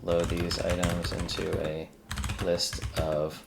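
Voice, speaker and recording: A tutorial host thinks aloud casually during a screen-recorded coding demo, throwing out informal, exclamatory asides to himself and the software. His voice sits low, monotone, slow and creaky. Faint background noise and some keyboard typing can be heard.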